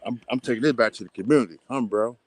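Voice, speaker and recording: A man talking as a guest in a casual conversation, animated and full of filler phrases, stumbling and stuttering at times. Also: medium pitch, very fast, breathy edge, dry recording.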